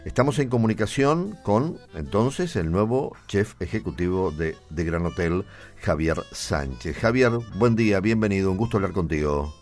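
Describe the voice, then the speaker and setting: A man's voice: sits low, lively intonation, moderate pace, darkish tone, faint music behind. A man hosting a radio interview, chatty and playful in his questions. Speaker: radio host.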